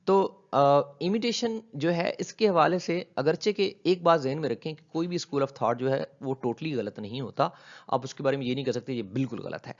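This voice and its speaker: Lecturer, explanatory, slightly lo-fi. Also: male voice, a little high. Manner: mixes English terms into Urdu explanation; explanatory, asks and answers own questions. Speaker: linguistics lecturer. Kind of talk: recorded video lecture. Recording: slightly dull lo-fi audio.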